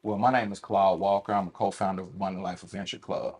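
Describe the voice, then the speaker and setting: A man's voice: deep voice, fairly even intonation, fast, darkish tone, breathy edge. A man from West Tennessee, a club co-founder speaking as an interview guest in an easygoing way. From Milan, West Tennessee. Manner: easygoing, uses fillers like "like" and "uh". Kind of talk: casual interview talk.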